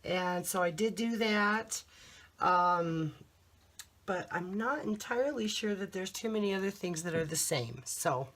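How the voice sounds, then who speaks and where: Slow-talking woman with a croaky voice. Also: medium pitch, lively intonation, fairly bright tone. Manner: chatty, hesitant, unhurried. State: throat trouble, slightly hoarse. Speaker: crafter presenting a handmade journal. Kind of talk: casual show-and-tell vlog.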